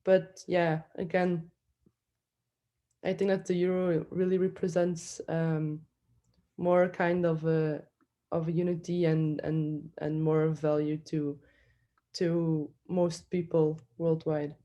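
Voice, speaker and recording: Woman from belgium, student debating on a call, lowish mellow voice, lots of ums. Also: level tone, slow pace, muffled recording. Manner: hesitant, many fillers. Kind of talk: class debate rebuttal. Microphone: video call.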